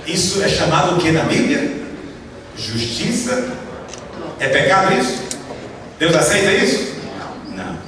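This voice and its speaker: A man's voice: a little high, very animated, a little slow, pauses often, a crowd in the background. A man with a Brazilian Portuguese accent preaching a sermon, emphatic and full of rhetorical questions for the congregation. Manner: emphatic, asks the audience many rhetorical questions. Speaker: pastor. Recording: echoey hall from far off with background noise.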